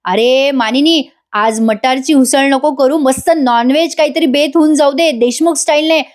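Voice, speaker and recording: A woman reading the lines of an overjoyed older father-in-law in a television serial review, loud and bossy. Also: high-pitched, moderate pace, lightly acted.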